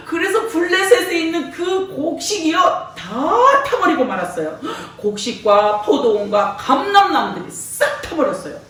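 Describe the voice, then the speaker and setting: A woman preacher tells a Bible story to children with a lot of energy and frequent laughter. Her high voice swings widely up and down. She sounds far from the mic, and the church hall echoes heavily around her. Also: moderate pace, few pauses. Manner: lively, laughing, acts out voices.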